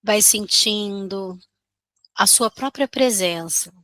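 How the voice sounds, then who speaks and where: Woman, Brazilian accent, guided meditation, soothing and gentle, very unhurried, close dry sound, long pauses. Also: mid-range voice, no echo.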